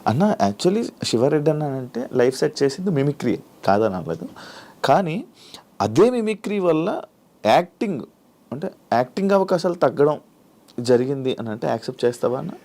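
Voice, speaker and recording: A man's voice: a little high, big pitch swings, normal speed, dark tone. A man conducting a casual interview. He asks questions and often gives short hums while he listens.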